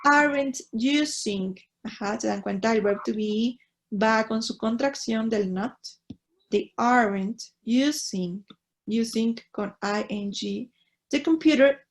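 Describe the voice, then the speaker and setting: A woman teacher with a Mexican Spanish accent talks students patiently through grammar, one step at a time. Her voice sits a little high and has a gravelly edge. She speaks slowly and checks in with the class often. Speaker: English teacher. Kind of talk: online class, reading and explaining in two languages.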